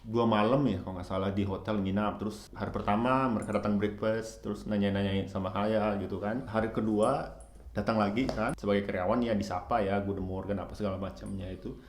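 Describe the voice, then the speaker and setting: Low guy rambling casually to camera, lots of fillers, roomy echo. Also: fairly even intonation, brisk, a little hiss or hum. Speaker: vlogger; hotel employee. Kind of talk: casual chat. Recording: echoey room.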